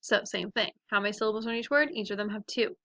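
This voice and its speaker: A woman teaches young children a phonics lesson, sounding out letters and words slowly and clearly. Her voice is mid-range, and the background is noisy.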